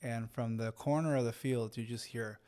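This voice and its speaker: A man in his thirties, from Mexico, co-hosting a leadership podcast. He tells stories in a loose, rambling way, full of fillers and restarts. His voice sits at a middle pitch. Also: steady tone, normal speed, dark tone, smooth. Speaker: podcast co-host. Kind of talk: casual storytelling chat.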